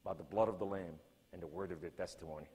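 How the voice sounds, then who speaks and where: A man voicing a solemn divine voice that recites scripture, well below his usual pitch. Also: steady tone, fast, mellow, breathy edge. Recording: long hall reverb.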